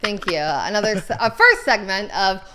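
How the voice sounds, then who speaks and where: A woman's voice: mid-range voice, huge pitch swings, normal speed, noisy background. A woman comedian from Arizona, hosting a casual podcast chat, joking and teasing and laughing often.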